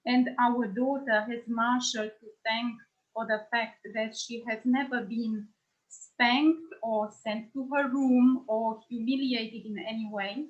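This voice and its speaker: A woman's voice: a little high, steady tone, takes it slowly. A woman trainer sharing an earnest, thoughtful personal reflection over a video call. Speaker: nonviolent communication trainer. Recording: dull lo-fi sound.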